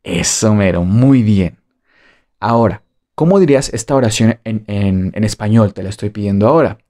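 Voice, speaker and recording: A man's voice: on the low side, moderate pace, warm tone. A man with a Mexican Spanish accent teaching a beginner English lesson online, playful and jokey, drilling phrases by repetition.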